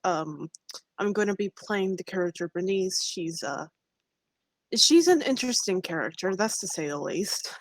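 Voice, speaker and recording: A woman's voice: fairly low pitch, animated, normal speed, no room sound. A woman chatting casually and a bit hesitantly as a player introducing herself on a tabletop show. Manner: hesitant, offhand. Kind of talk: casual chat.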